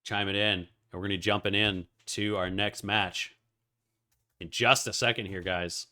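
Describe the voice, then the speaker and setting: A man streaming and casting an esports match, giving away codes and calling the plays with excitable play-by-play. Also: fairly low pitch, moderate pace. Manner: excitable play-by-play, rising to shouts. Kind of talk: live game commentary.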